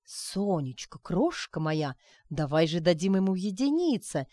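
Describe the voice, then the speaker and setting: A woman's voice: on the low side, big pitch swings, unhurried, dark tone, no room sound. A woman reading aloud and voicing a married man who speaks firmly and insistently. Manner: firm, insistent. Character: firm married man, commanding to his wife.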